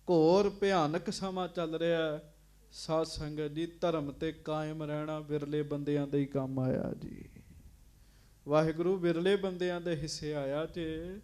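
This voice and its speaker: A woman's voice: deep voice, dark tone. A woman giving a Sikh katha sermon, explaining scripture verse by verse and calling out to the congregation. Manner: acts out a heroine's angry cries in the story. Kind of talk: Punjabi religious storytelling sermon.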